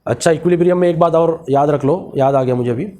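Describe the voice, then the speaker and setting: Speaking quickly in a slightly high, dark voice, this man lectures on physics in Marathi-accented Hindi. English technical terms are mixed into his speech, and he asks the class questions only to answer them himself.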